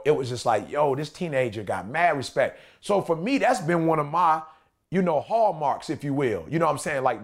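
American guy in his 40s, mid pitched, slangy preacher type telling stories, really emphatic. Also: gravelly. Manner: emphatic, repetitive, slangy, often checking the listener follows. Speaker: motivational speaker and preacher. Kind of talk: animated personal storytelling in a casual podcast chat.

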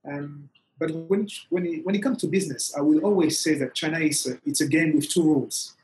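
A man from Togo, speaking conversationally as an interview guest, with halting, restarted phrasing. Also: a little high, a little mellow, poor audio.

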